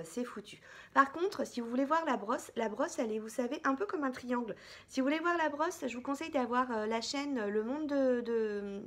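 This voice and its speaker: A woman's voice: a little high, fairly bright tone. A woman beauty vlogger chatting casually through a product haul, chatty and hesitant, with many fillers.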